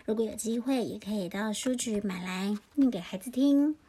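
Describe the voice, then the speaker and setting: A woman gently reading a bedtime storybook to children in a singsong way. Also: mid-range voice, moderate pace, breathy edge. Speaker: parent storyteller.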